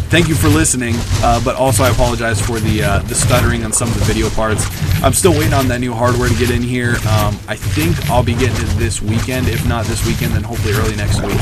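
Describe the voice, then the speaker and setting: A very tired man casually commenting on a replay of his own match late at night, rambling with many ums and uhs. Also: fairly low pitch.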